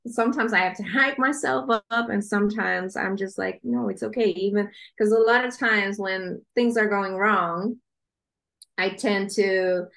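A woman with a Dutch accent speaks as a guest in a relaxed interview. She is upbeat and encouraging, with a mid-range voice and easy laughter. She is a singer and songwriter. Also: medium pitch, a little slow, vocal fry. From Netherlands. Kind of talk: casual interview chat.

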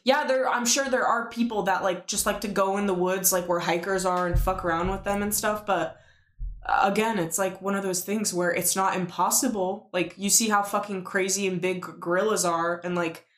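A woman's voice: mid-range voice, fairly even intonation, moderate pace. A young woman from Washington state co-hosting a casual podcast, full of "like" and swearing. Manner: casual, filler-heavy, swearing. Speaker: podcast co-host. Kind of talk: casual chat. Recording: roomy echo.

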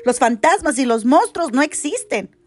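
A woman's voice: high-pitched, expressive, normal speed, voice pushed up. A woman voicing a grumpy, skeptical male piglet in a children's storybook, grumbling and dismissive.

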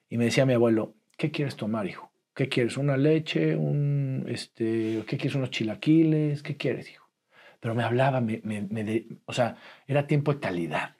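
A man's voice: mid-range voice, breathy edge. A man with a Mexican Spanish accent, telling a personal story in casual, colloquial talk full of slang and restarts. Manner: colloquial, profane, animated storytelling with frequent restarts. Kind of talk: casual storytelling in a podcast chat.

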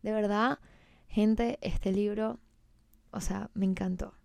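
A young woman hosts a casual solo podcast in a mellow voice with plenty of vocal fry. She is chatty and emphatic, slipping English words into her talk. The sound is close and dry, with no room to it. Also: medium pitch, fairly even intonation, takes it slowly, no room sound. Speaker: podcast host.

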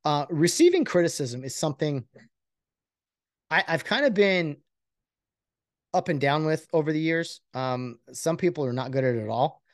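A man hosting a podcast alone, talking in a rambling, earnest and self-reflective way, with many halting restarts. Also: a little high, animated, no echo, clean studio sound. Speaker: podcast host. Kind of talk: casual solo podcast monologue.

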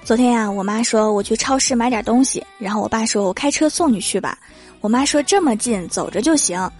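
Lively young woman telling jokes. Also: a little high, brisk, slightly rough, faint music behind. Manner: lively, teasing storytelling. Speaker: comedy show host. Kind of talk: scripted comic monologue.

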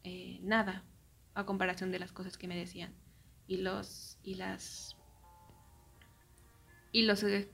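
A woman's voice: medium pitch, flat delivery, slow, creaky, pauses often, soft background music. Mexican woman telling a personal story. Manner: often drops into soft, near-whispered asides.

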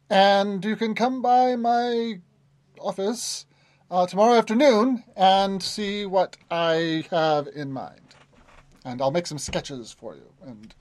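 A man's voice: high-pitched, darkish tone, no room sound. A man narrating as game master in a tabletop game, hesitant, with many fillers and restarts.

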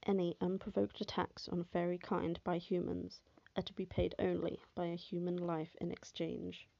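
A wrathful male fairy beast with a stern, clipped way of making threats, as a woman reads him in an audiobook. The voice is gravelly and dark, and the recording is dull and lo-fi. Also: lowish voice, little pitch movement, normal speed, no room sound. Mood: menacing. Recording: dull lo-fi, dry.

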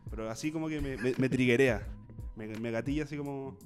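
Fast-talking Chilean young man. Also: medium pitch, faint music behind. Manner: slangy, swears freely. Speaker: podcast co-host. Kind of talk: casual chat.

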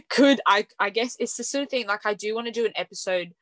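A woman's voice: a little high, sharp tone, dry recording. A young woman hosting a podcast, chatting casually with frequent fillers and light laughs. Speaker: podcast host. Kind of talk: casual conversational podcast chat.

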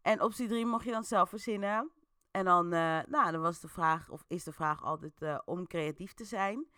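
Chatty woman with a bright, dry voice. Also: lowish voice, moderate pace, clean tone, no echo. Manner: chatty, playful, many fillers. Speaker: interactive story host. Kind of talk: casual storytelling with audience votes.

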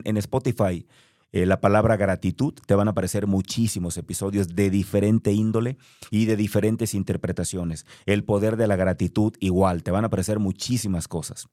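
A man with a lowish, mellow voice hosts a reflective podcast. He talks earnestly and straight to the listener, repeating key words for weight. The sound is dry and close. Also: no echo. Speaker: podcast host. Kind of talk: reflective motivational monologue.

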